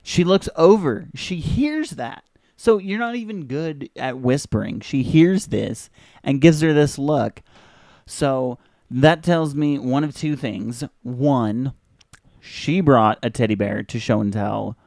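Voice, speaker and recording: A man's voice: medium pitch, lively intonation, slow pace, vocal fry, a little mellow, dry recording. Young male commentary host, sarcastic and chatty, dry close recording. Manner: sarcastic, joking, chatty with many fillers. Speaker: video host. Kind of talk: casual commentary on an old commercial.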